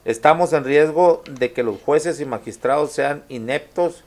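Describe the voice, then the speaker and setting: A man's voice: on the high side, measured pace, a little mellow. Male host, casual and joking, reads viewer comments aloud. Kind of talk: live stream talk show, reading viewer comments.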